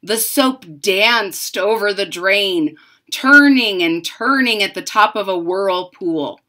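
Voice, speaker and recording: A female storyteller in her 30s or 40s reads a picture book aloud in a room at home, her pitch swinging lively as she unhurriedly stresses words for young listeners. Her deliberate, dramatic emphasis is mixed with chatty asides.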